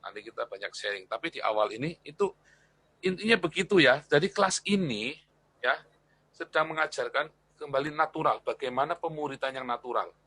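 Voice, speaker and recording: A man's voice: a little high, animated, fairly quick, pushed and bright, slightly rough, dry recording. A middle-aged man teaching an informal church class on discipleship. He talks in a chatty way, repeats phrases and tags his lines with little questions.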